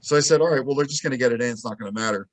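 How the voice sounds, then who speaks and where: Male co-host, lively storyteller, casual game breakdown, mid-range voice. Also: mid-range voice, very fast. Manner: animated storytelling, acts out quotes. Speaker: podcast co-host. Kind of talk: casual sports talk.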